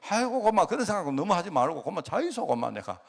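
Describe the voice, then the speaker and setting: A middle-aged male pastor with a Gyeongsang Korean accent tells a story in his sermon, constantly firing rhetorical questions at the congregation. He speaks very fast in a fairly high, creaky voice with big pitch swings.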